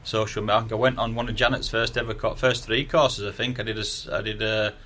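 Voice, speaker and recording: A guest with a broad Yorkshire accent, a cake maker, chats about how he started baking and decorating cakes, rambling and restarting often. He talks fast in a lowish, flat voice that sounds pushed and bright.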